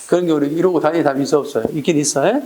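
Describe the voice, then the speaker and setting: A man's voice: fairly high pitch, rapid-fire, mellow, echoey room. A man teaching an exam-prep lecture, often asking his students questions and acting out short quoted exchanges. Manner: questioning, acts out little scenes with quoted voices. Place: lecture room.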